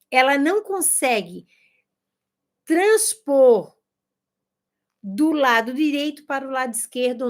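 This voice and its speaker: A woman giving a casual video lesson to teachers, demonstrating games to the camera and sounding out words. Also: a little high. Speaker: teacher and educator. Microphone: camera facing her.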